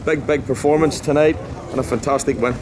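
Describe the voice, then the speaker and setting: After the match, outdoors at a ground at night, a forties-aged football manager talks briskly in a medium pitch with fairly even intonation. He's blunt and passionate, hammering points through repetition into a handheld mic held close, with faint noise outside.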